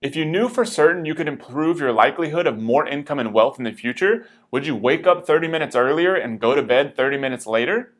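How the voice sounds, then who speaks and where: A man delivering a scripted, urgent sales pitch as a promotional voice-over. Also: lively intonation, brisk, few pauses.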